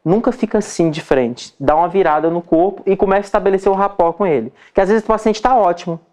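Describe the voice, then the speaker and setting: A man's voice: high-pitched, fast, darkish tone. Chatty Brazilian man giving a lesson. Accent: Brazilian Portuguese. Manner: chatty, checks in with frequent "tá?" and "entendeu?"; acts out examples with shifting voice. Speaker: dermatologist teaching other doctors. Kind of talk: informal lecture.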